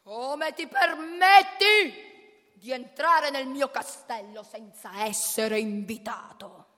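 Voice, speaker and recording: A booming indignant ogre. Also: male voice, takes it slowly, pushed and bright, heavily acted. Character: angry proud male ogre, magic castle lord. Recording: long hall reverb, from afar.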